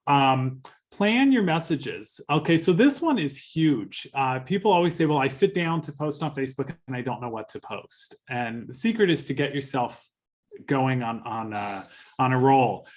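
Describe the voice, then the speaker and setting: A man with a Californian accent giving a relaxed social media workshop, chatty and easygoing. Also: medium pitch, normal speed. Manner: chatty, laughs easily, restarts phrases. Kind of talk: casual workshop talk.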